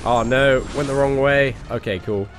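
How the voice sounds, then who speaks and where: A man's voice: mid-range voice, moderate pace, faint music behind. A young man live-streaming a mobile game, chatting casually with viewers while he plays, sounding a bit nasal from a cold. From England. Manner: chatty, many fillers, greets viewers by name. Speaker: gaming streamer.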